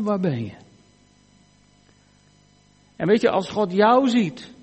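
Guy preaching in church, fairly high voice, long echo off the hall, earnest and goes soft n quiet a lot. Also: creaky. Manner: earnest, swings from emphatic to hushed. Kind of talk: sermon.

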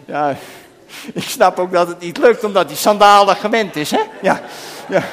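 A man leading an interactive children's talk in church, coaxing the kids with questions and now and then breaking into shouts. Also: high voice, normal speed. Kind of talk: interactive object lesson with children. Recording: long hall reverb.

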